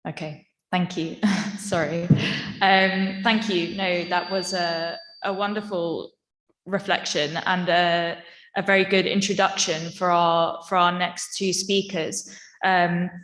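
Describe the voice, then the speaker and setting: A woman moderates a webinar over a video call, speaking gently and often pausing with "um". Her voice sits a little low. The sound is echoey, with a long reverb tail. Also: little pitch movement, a little hiss or hum. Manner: warm thanks, gentle, with many ums. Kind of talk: hosting a webinar.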